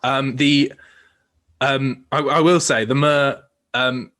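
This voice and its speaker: A man narrating as game master of a tabletop game, halting with many fillers and restarts. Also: mid-range voice, fairly even intonation, a bit bright. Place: home recording for a podcast.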